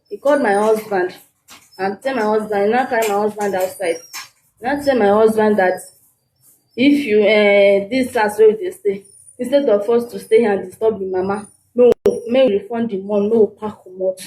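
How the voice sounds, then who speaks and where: A woman's voice: mid-range voice, a little mellow, slight background noise. A woman with a Nigerian accent speaks Nigerian Pidgin mixed with English, recounting a grievance as a tenant into a handheld microphone. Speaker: complainant tenant. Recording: echoey room, handheld microphone.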